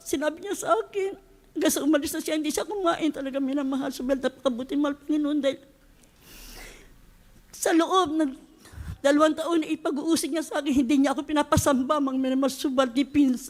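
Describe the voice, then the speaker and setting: Church testimony speaker: fervent middle-aged woman, high voice. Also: steady tone, fast talker, a little mellow. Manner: fervent, repeats a fond address to the congregation often. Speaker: church member giving testimony.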